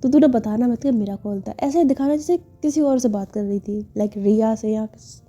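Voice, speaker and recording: A woman's voice: on the high side, moderate pace, warm tone, lightly acted. A woman voicing a cool, evasive young woman who brushes off questions in an offhand way. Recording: slightly dull recording, faint music.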